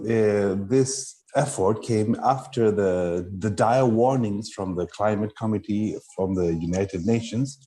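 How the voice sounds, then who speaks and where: A man from Chile who teaches cooking, answering questions over a video call in a measured, thoughtful way with frequent fillers. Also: on the low side, mellow. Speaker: culinary instructor. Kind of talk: online meetup interview.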